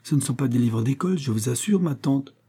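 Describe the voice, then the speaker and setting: A man reading aloud voices a timid, polite, bookish young woman who speaks gently and pleads with her aunt. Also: medium pitch, lively intonation, a little fast, husky, voice pushed up.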